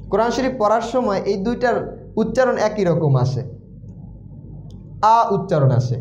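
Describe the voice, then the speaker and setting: A man teaching Quran letters in a slow recitation lesson, with a Bangladeshi Bengali accent, repeating each letter sound many times. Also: sits high, sing-song, darkish tone. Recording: roomy, dull lo-fi sound.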